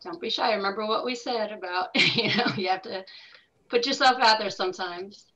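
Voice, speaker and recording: A woman's voice: medium pitch, normal speed, sharp tone. A woman hosting an online lecture Q&A, friendly and coaxing the attendees to speak up. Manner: friendly, coaxing participants to chime in. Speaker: host of a lecture series. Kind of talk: moderating a Zoom Q&A. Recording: dull lo-fi video call audio.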